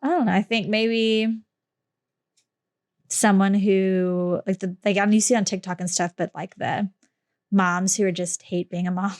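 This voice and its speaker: A young adult woman, a guest on a podcast, chatting casually with wry, quick asides. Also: medium pitch, steady tone, darkish tone. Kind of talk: casual chat.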